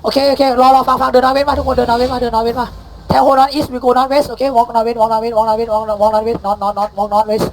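A man calling shots in a game battle, barking rapid repeated commands and countdowns, mixing English callouts into his speech. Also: very high-pitched, flat delivery, slight background noise, rough recording. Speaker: guild war shotcaller. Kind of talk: live game commands over voice chat.

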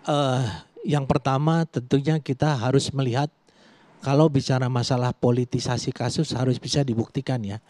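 A man, a legal expert guest, answering on a talk show in a measured way, pausing on fillers. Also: mid-range voice, fairly even intonation, a little mellow, dry recording.

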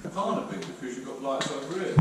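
Casting: man, lowish voice, quick talker, off-mic in an echoey room over loud noise. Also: big pitch swings, recorded from a distance. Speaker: urban explorer. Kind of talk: casual chat while exploring. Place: dark abandoned restaurant indoors.

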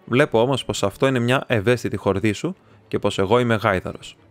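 A man reading the part of a talkative, excitable young male student who rambles, chats and teases his friend. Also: fairly low pitch, lightly acted. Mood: chatty. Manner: rambling, chatty, teasing.

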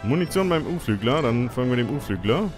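A man's voice: medium pitch, very animated, quick pace. A man giving casual let's play commentary, thinking aloud and exclaiming as he reacts to the game. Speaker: let's player. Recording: game music behind commentary.

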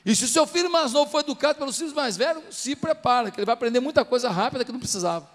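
A pastor preaches to his church in a strikingly high voice, pressing the congregation with rhetorical questions. His words ring out with a long, echoing reverb of a large church hall. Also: animated, rapid-fire. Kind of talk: sermon.

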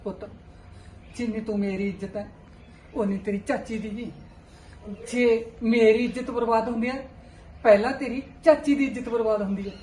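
A woman's voice: fairly high pitch, fairly even intonation, moderate pace, long pauses, a little mellow, a little hiss or hum, lightly acted. A woman playing a fierce Punjabi village mother. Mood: stern. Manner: emotional, swinging from tearful pleading to fierce threats. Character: stern anxious widowed village mother, fierce about honor. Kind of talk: short film drama acting.

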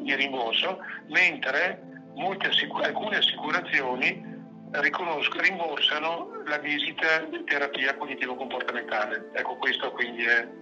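A man's voice: mid-range voice, sharp tone. A man heard through a phone on speakerphone, held up to the meeting's microphone, explaining a product in an informal business tone and often restarting phrases as he searches for words. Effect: on a phone speakerphone held up to another mic. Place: somewhere with poor signal. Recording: dull lo-fi phone sound with faint music.

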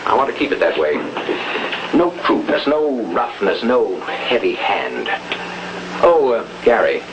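An American actor playing a calculating older boss in a 1950s television crime drama, speaking with formal, deliberate authority. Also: male voice, on the low side, sing-song, highs cut off. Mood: commanding. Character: commanding, calculating older male boss of a propaganda front. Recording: noisy old 1950s television film soundtrack.

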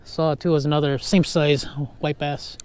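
A man giving casual running commentary while fishing from a kayak on a river, relaxed and chuckling between remarks. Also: on the high side, normal speed, smooth. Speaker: fishing vlogger. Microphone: action camera mounted on kayak.

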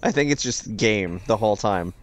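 A man's voice: fairly low pitch, lively intonation, normal speed. A man giving casual, joking commentary while playing a video game. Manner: joking, laughs often. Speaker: let's play commentator. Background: game music.

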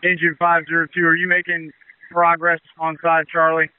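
A male fire incident commander issues urgent, clipped orders over two-way radio. The voice is clean and a bit high, dry, squeezed into a narrow radio band. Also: monotone, normal speed, smooth, no echo. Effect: two-way radio transmission. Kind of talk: emergency radio traffic, giving orders.

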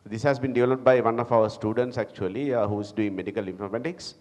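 A man from Sri Lanka asking a question from the audience, hesitant and filling pauses with "uh". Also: fairly low pitch, steady tone, a little mellow. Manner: hesitant, many fillers. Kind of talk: question from the floor. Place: large auditorium audience. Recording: long hall reverb.

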